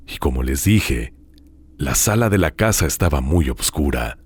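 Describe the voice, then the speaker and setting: Male horror-story host, very deep and slightly raspy, expressive dramatic delivery. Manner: dramatic, hushed storytelling with drawn-out pauses. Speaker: host reading listener horror stories. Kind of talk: scripted horror narration.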